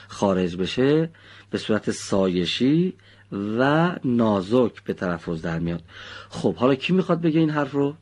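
A man's voice: medium pitch, a little mellow. A male teacher patiently quizzing his pupils and praising their answers. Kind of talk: classroom teaching with questions to pupils.

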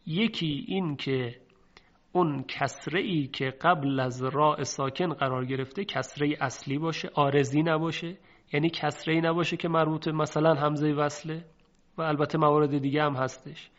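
Patient male teacher, slow drawn-out examples. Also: fairly high pitch, steady tone. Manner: patient, explanatory, drawing out example words. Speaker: recitation teacher. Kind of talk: spoken lesson with slow recited examples. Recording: dull lo-fi recording.

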